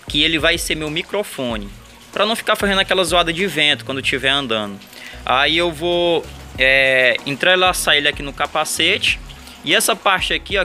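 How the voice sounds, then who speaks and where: A man's voice: on the high side, sharp tone. A Brazilian man casually explaining a hands-on setup to viewers, step by step. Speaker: vlogger showing a DIY setup.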